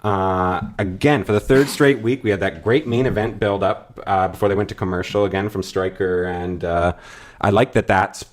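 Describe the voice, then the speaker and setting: A man's voice: deep voice, steady tone, normal speed. A man co-hosting a casual wrestling review podcast, enthusiastic and rambling. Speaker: podcast co-host.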